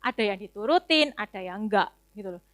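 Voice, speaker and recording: A woman's voice: medium pitch, expressive, fairly quick, no room sound, clean studio sound. A young adult woman giving a chatty, conversational sermon testimony at a youth service, full of casual fillers. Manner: chatty, casual, many fillers and tag words.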